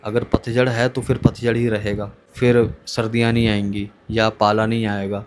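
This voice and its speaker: A man's voice: fairly low pitch, little pitch movement, normal speed. A man in his thirties, a channel host, talks in a reflective, conversational monologue and slips English phrases into his speech. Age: 30s.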